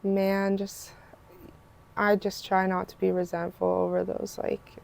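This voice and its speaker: A woman being interviewed on a podcast, speaking in a flat, heavily gravelly voice. Her tone is dark and mellow, and she keeps her replies quiet, plain and brief. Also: medium pitch, measured pace. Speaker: podcast guest. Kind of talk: casual interview chat.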